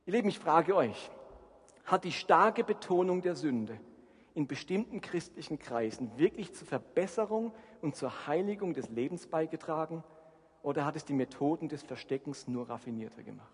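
A male pastor delivers a sermon in a fairly high, husky voice. He preaches with emphasis and keeps turning to his listeners with rhetorical questions. His words ring out with a long reverb, as if from a large hall. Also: lively intonation, moderate pace.

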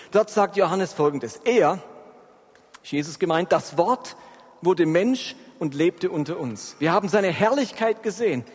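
A man delivers a sermon and keeps turning to his listeners with questions to check they are following. His voice sits high and sounds a little husky. A long reverb from the hall trails behind every phrase. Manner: addresses the congregation with frequent check-in questions. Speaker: preacher.

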